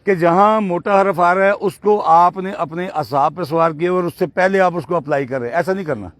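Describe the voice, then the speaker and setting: A man teaching Quran recitation, patiently correcting a student and slowly modelling each word. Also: high-pitched, no echo. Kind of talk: tajweed lesson correcting a student.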